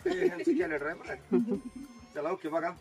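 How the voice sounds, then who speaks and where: A man performing a lively magic show for a crowd, joking with and coaxing the audience. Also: high-pitched, fairly quick, vocal fry, over music. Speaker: stage magician.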